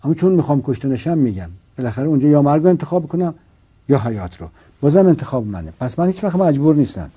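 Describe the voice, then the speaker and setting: A man's voice: on the high side, sing-song, mellow, husky. A man explaining a philosophical argument as a teacher, asking rhetorical questions and repeating points to drive them home. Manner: argues with rhetorical questions and repetition.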